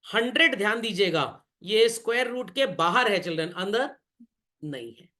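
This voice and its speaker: A man's voice: high-pitched, lively intonation, pushed and bright. A male teacher giving a classroom lecture, joking and quizzing the class as he goes, often calling the students children. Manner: jokey, keeps addressing the class as children; asks the class quick questions. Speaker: commerce teacher.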